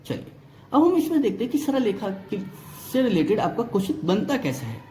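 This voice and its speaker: A man's voice: high voice, wildly swooping pitch, fairly quick, warm tone, reverberant, slight background noise. A male reasoning teacher giving an exam-prep lesson, explaining step by step, counting items aloud and often checking whether students follow.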